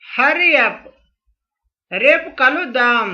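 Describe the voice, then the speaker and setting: Teacher voice, high-pitched, very slow, each phrase repeated twice, sharp bright tone. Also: animated, highs cut off. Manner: says each English phrase twice, slowly and clearly. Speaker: spoken English teacher.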